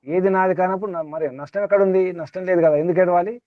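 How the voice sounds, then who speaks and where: A man's voice: sits high, steady tone, quick pace, dry recording. Tinny-sounding man giving a spiritual talk. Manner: repetitive, rhetorical questioning. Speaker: spiritual teacher. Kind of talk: spiritual discourse to a small group. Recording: tinny phone-like dry sound.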